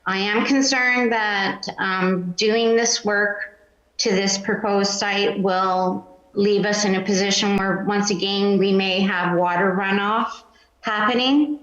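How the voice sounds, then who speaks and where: Woman resident, squeaky voice, slow and hesitant, not a practiced speaker; roomy, dull chamber recording. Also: steady tone, fairly bright tone. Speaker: resident speaking at public meeting. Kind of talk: public comment at council meeting. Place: council chamber.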